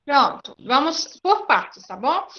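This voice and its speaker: Woman teacher, high bright voice, patient and methodical in an online class. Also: sing-song, slow pace, muffled recording. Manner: patient, explains step by step with frequent checks.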